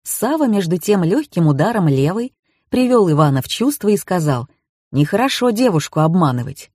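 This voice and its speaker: A woman reads a first-person audiobook in an even, wry manner. Her voice is low, dark and husky, recorded close and dry. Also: normal speed, no echo. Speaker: audiobook narrator.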